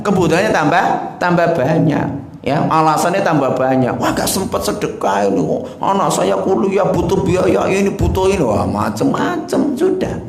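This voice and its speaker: A man's voice: fairly high pitch, roomy sound, a little hiss or hum. A man preaching a sermon, telling a moral story with rhetorical questions and frequent asides to the audience. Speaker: Islamic preacher.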